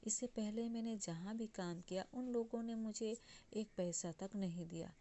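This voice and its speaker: A woman's voice: medium pitch, normal speed, dark tone, natural voice. A woman teacher reading out the lines of a timid young governess from a textbook story. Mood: meek. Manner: reads quoted lines aloud from a textbook.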